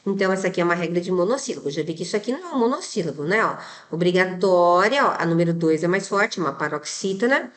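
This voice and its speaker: A woman's voice: on the low side, expressive, fast talker, hardly any pauses. A woman from Brazil, an exam prep teacher, going through test answers step by step and checking often that her students follow. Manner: didactic, many tag questions, spells out rules step by step.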